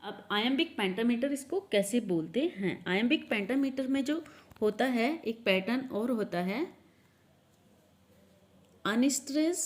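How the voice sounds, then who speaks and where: Hindi-speaking woman teaching a poem for exams, indian english accent, talks real slow, asks herself questions as she goes. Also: a little high, a little mellow. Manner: slow, explains step by step with repeated questions. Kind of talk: exam-prep literature lesson.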